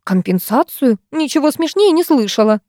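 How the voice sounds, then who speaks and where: A woman's voice: high-pitched, sing-song, moderate pace, dark tone, no room sound, studio quality, pitched above the performer's own voice. A woman voicing a haughty, wealthy middle-aged violinist mother who speaks with cold contempt. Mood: mocking.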